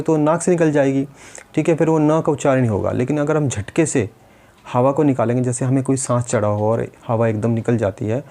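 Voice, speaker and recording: A man's voice: mid-range voice, mellow. A man teaching a speech-therapy lesson, patiently demonstrating and repeating sounds step by step.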